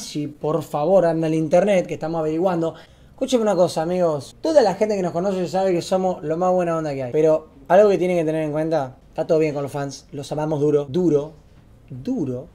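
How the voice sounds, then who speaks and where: His voice sits high: a young man from Argentina, streaming, narrating a story at speed with lots of slang. When he plays out the scenes, he gets loud and animated.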